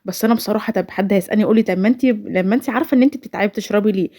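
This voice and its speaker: Her voice is medium in pitch and dark in tone, and she races along. She's a vlogger in her twenties with an Egyptian Arabic accent, rambling through a personal story in voice-over with many restarts.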